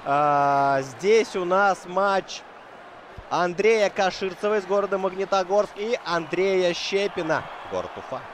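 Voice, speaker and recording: A man's voice: high-pitched, measured pace. A man giving live esports hockey commentary in a conversational, analytical way, with frequent hesitations. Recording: noisy venue with crowd behind the voice. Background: crowd and venue noise.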